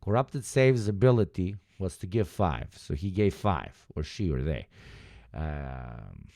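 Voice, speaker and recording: A man's voice: low voice, sing-song, unhurried, creaky, mellow, dry recording, studio quality. A man hosting a livestream, chatting casually and giving sardonic, rambling political commentary with sweary asides. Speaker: livestream host.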